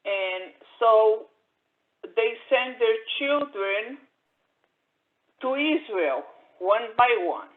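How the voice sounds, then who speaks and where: An older woman raised in Brazil, speaking slowly and haltingly with many pauses as she recounts her life in an oral history interview. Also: a little high, lively intonation. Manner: slow, halting, many fillers and restarts. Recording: tinny phone-like audio.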